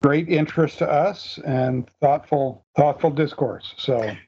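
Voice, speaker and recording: Older man, fairly high pitch, podcast guest, casual chat, halting with repeated words, muffled lo-fi recording. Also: dark tone, slightly rough.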